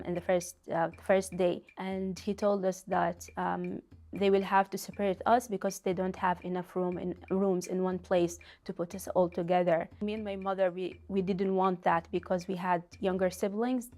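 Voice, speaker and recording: A woman's voice: lowish voice, a little mellow. Woman recounting her story. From Sudan. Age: 30s. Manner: halting, reflective storytelling. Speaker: interviewee telling her story. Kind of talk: personal testimony.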